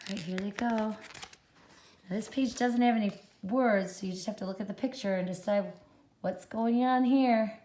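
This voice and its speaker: A kindergarten teacher giving gentle, step-by-step instructions during a read-aloud lesson, filmed on a handheld camera. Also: female voice, mid-range voice, normal speed, roomy sound.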